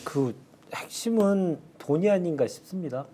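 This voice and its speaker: A man, a party spokesman on a political talk show, speaking in a measured, thoughtful way with hesitant fillers. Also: on the high side, animated, mellow, slight background noise.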